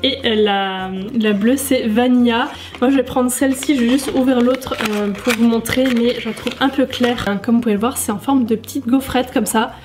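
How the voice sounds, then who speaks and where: A woman's voice: on the high side, fairly even intonation, normal speed. A woman chatting casually to viewers while testing makeup, full of fillers and asides. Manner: chatty, many fillers, addresses viewers directly. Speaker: beauty vlogger. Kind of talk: casual makeup tutorial chat.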